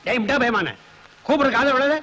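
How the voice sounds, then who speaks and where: An actor dubbing a harsh, bullying father who barks orders and scolds his son, with a raspy voice. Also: extremely high pitch, fast talker, sharp tone, exaggerated voice, poor audio. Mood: scolding. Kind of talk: dubbed film acting.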